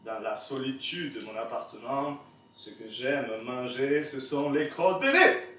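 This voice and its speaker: Playful slam poet with an accent. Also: male voice, medium pitch, lively intonation, a little slow, sharp tone, a little hiss or hum. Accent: non-native French. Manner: playful, teasing the audience. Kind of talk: slam poetry performance. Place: performance venue with audience. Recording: echoey hall, from far off.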